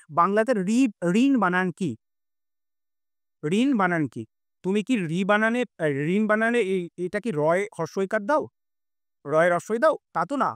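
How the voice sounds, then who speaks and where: A man teaches an online class in a fairly high voice, going point by point and often restating or correcting himself. He sounds out vowels for his students. The sound is dry and close, with no room around it. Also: fairly bright tone, smooth, dry recording. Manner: explains step by step, repeats and self-corrects. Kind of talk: online live class lecture.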